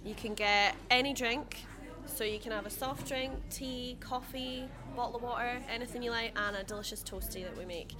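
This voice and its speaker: Friendly Scottish woman from the Highlands. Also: normal speed. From Highlands of Scotland. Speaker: cafe worker. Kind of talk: casual interview answers. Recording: music playing under the voice.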